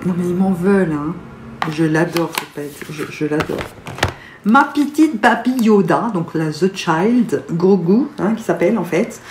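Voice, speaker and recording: A woman's voice: lowish voice, expressive, a little slow, darkish tone. A woman with a French accent chatting casually as a beauty vlogger, gushing and laughing often. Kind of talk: casual chat. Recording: echoey room, faint noise.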